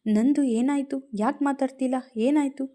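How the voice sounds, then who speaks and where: A worried young woman friend presses with anxious questions in an audio story, voiced by the woman narrator. Her voice rides high and a little loud, with a soft, mellow tone. She sounds protective and ready to defend her friend. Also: fairly even intonation, normal speed, close to an everyday voice. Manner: anxious, then indignant questioning.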